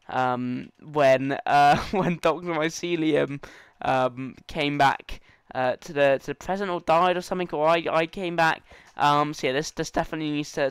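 A man talks his way through a gaming session in casual let's-play commentary, excitable and playful as he chats with the other players. His voice sits a little high and sounds smooth and clear. The recording is close and dry. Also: no room sound. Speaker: gaming channel host.

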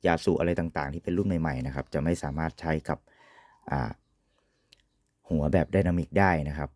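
A man's voice: a bass voice, moderate pace, darkish tone, dry recording, clean studio sound. A man giving an informal, polite product demonstration as an equipment reviewer, often ending phrases with courtesy particles.

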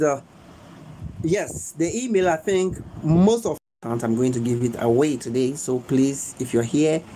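A young Ghanaian man with a Ghanaian English accent, hosting a live phone tutorial indoors on his phone's front camera. He talks slowly and repeats himself, pleading with viewers to stay. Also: on the high side, mellow, a little hiss or hum, low-quality recording. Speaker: livestream host.

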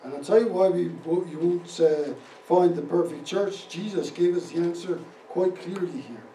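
A man's voice: high-pitched, normal speed, dark tone, distant mic, a little hiss or hum. A middle-aged man preaching a sermon as pastor, pressing his points with rising emphasis and sometimes ad-libbing. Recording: roomy echo, speaker away from the mic.

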